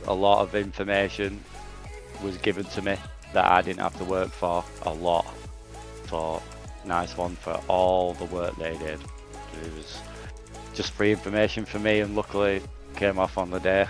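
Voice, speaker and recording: A man from Oldham with a northern English accent, a racing driver chatting casually after a race, plain-spoken and self-deprecating, laughing easily. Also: sits low. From Oldham, northern England. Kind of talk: casual post-race interview.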